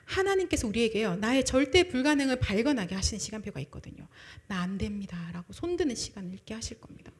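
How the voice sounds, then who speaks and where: A woman preaching a sermon at a young adults' service, shifting between loud emphasis and soft breathy asides and acting out people's words. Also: fairly high pitch, animated, fast, few pauses. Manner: acts out people's words in quoted voices.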